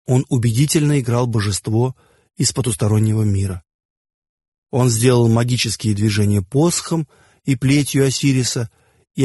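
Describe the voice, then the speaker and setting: A man reads a first-person story aloud in measured, even tones. His voice is husky and mid-pitched, and the recording is dry and close, with no room sound. The storytelling is steady throughout. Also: no echo. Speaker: narrator. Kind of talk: scripted audiobook narration.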